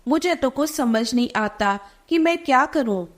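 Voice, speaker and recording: Woman reads as a gentle, worn-out elderly mother: weary, sorrowful, slightly high. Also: lively intonation, unhurried. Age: older. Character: older mother, tired and regretful, gentle.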